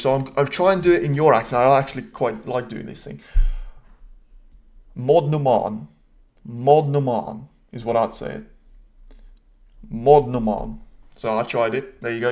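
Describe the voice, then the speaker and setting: A talkative man hosting a live stream, chatting loosely between commentary and viewer comments. He answers the chat directly and pokes fun at himself as he goes. His pitch sits in an ordinary middle range for a man. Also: a little fast. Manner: self-deprecating, rambling asides.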